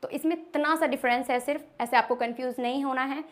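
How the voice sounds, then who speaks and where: High-voiced woman teaching pronunciation. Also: fairly even intonation. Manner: explains step by step, asks "Is it clear?" often; reads English rules slowly, then explains in Hindi. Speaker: English teacher. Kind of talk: classroom-style pronunciation lesson.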